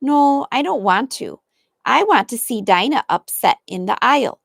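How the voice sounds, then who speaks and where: A woman's voice: fairly high pitch, expressive, normal speed, gravelly, dry recording, clean studio sound, voice pushed up. A woman voicing an eager, whiny little girl twin in a storybook, with a raised, pleading tone.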